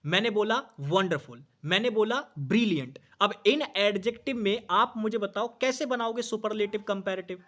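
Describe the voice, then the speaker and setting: A man's voice: high-pitched, moderate pace, hardly any pauses, a bit bright. A man teaching an exam-prep English grammar lesson. He asks questions, answers them himself, repeats key points and calls the students brother.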